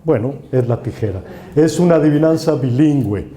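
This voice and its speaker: A man giving an academic talk with slides at a conference, lively and lecturing, often restarting words. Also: medium pitch, normal speed. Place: conference room.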